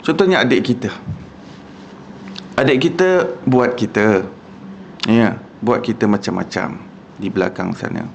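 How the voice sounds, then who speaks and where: A man with a Malaysian accent giving a religious lecture in a mosque hall, telling stories in a lively, conversational way with frequent "ha" and "ya". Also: medium pitch, gravelly, slight background noise. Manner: animated, conversational with frequent "ha" and "ya" fillers.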